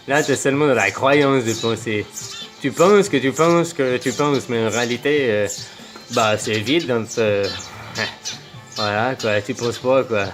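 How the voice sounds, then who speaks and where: A man's voice: mid-range voice, a little slow. Guy rambling on about spirituality, lots of "quoi" and "tu comprends", music playing behind. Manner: loose and rambling, with many fillers and rhetorical questions. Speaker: spiritual video blogger. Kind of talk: rambling spiritual monologue to camera.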